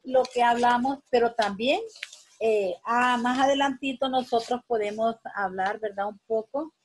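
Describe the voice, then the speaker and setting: A woman's voice: fairly high pitch, a little slow, a little hiss or hum. A woman teacher giving a spoken grammar lesson, rambling with many restarts and a constant "right?" tag.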